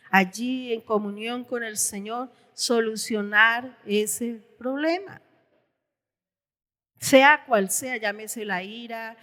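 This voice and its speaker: A middle-aged woman pastor preaching a Bible study, lively and acting out the voices she quotes. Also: fairly high pitch. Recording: long hall reverb.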